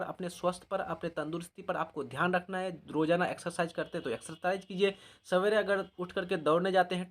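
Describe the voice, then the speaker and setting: A man giving exam advice to students as a teacher, often pausing to check in and calling them children. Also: high voice, a bit bright. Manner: repetitive, often checks in with "all right" and calls the students "children".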